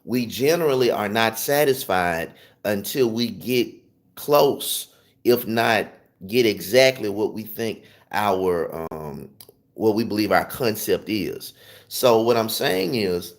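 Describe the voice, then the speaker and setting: Speaking slowly in a lowish, animated voice, this Southern man from Memphis, Tennessee, teaches music informally to his viewers. He drives his points home by repeating and rephrasing them emphatically.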